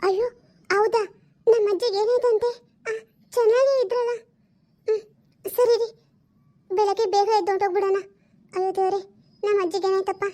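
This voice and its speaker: A woman's voice: extremely high pitch, fairly even intonation, fairly quick, pauses often, mellow. A woman voicing a tearful, protective mother who pleads and sobs. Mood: worried. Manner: pleading and tearful, often sobbing. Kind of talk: home-made family drama.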